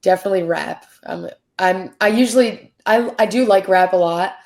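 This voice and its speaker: A woman in her twenties, a pro soccer player, answering interview questions in a relaxed, chatty way full of fillers. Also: mid-range voice, moderate pace. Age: 20s. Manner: laid-back, filler-heavy, upbeat. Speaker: professional soccer player, guest. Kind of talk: casual interview chat.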